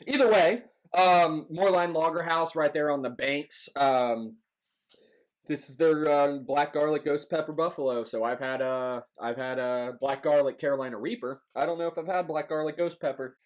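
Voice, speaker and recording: A man with a somewhat high voice hosts a casual challenge vlog. He speaks informally and tends to repeat phrases for emphasis. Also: normal speed. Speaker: host of a hot wings challenge.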